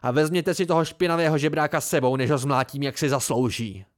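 A man's voice: fairly high pitch, natural voice. Man playing arrogant young nobleman, spiteful, barking, storybook villain. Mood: furious, spiteful. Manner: spiteful, shouting orders. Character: arrogant rich young nobleman, furious bully.

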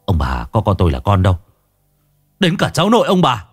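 A man voicing a bitter, angry young father who talks back fast and heated, with faint music behind. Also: mid-range voice, expressive, a bit bright, pitched above the performer's own voice. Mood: bitter anger.

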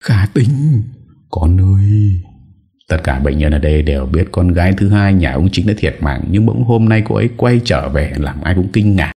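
A man reading a story aloud as an audiobook narrator, with calm, even storytelling. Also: deep voice, a little fast, few pauses.

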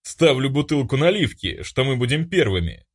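A man's voice: mid-range voice, big pitch swings, moderate pace, breathy edge. A man reading an audiobook voices a self-righteous male angel with a preachy, lofty manner. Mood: hasty. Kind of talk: audiobook character voice.

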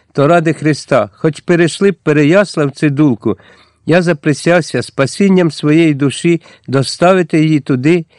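A man's voice: on the high side, darkish tone, no room sound, clean studio sound, pitched above the performer's own voice, close to an everyday voice. A man voicing a desperate captured soldier who pleads for his life in a raised voice.

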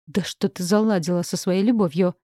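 A woman's voice: fairly low pitch, brisk, mellow, dry recording, clean studio sound, close to an everyday voice. A woman voicing a strict, furious middle-aged mother who gives harsh commands in an audiobook. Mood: angry.

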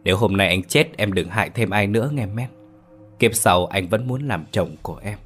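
A man voicing a gentle young husband speaking softly to his wife in a storybook tale. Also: on the low side, animated, normal speed, slightly rough, faint music behind. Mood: tender. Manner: soft, tender.

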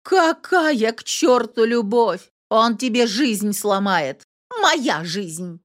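A woman reading an audiobook, voicing a hot-tempered young woman who shouts in indignation. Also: a little high, very animated, normal speed, voice pushed up. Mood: furious.

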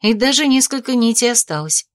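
A woman narrating a first-person audiobook in a steady, even reading voice. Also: a little high, brisk, no room sound, studio quality.

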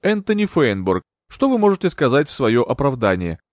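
A man's voice: mid-range voice, sing-song, normal speed, no room sound, studio quality, close to an everyday voice. Man as a stern judge, formal, commanding, storybook courtroom.

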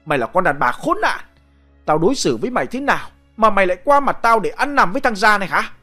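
A furious middle-aged man hurls insults at the top of his lungs, as a male storyteller puts him on. His voice climbs high and swings wildly, coarse and jealous in a spoken ghost story, with soft music under it. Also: sing-song, fast talker, exaggerated voice. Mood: raging. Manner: shouting insults, yelling.

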